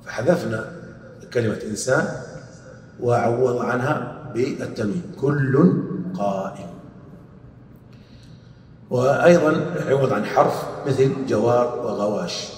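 A man teaching grammar in a lecture, asking questions and answering them himself, repeating quoted verses slowly. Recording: echoey hall, distant mic, faint rumble.

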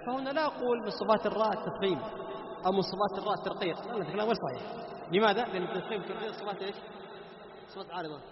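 A man teaching a Quran recitation class, questioning his students and answering himself. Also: sits high. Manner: chants Quran verses slowly as examples. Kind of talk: classroom lesson on tajweed. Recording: echoey hall, dull lo-fi, background noise.

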